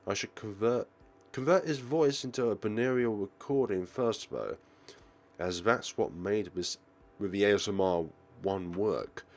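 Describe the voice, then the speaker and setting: This man's voice is lowish and a little mellow, and he moves a little slowly. He's a let's player giving game commentary while reading a visual novel aloud in a dramatic, theatrical way, occasionally tripping over lines and rereading them.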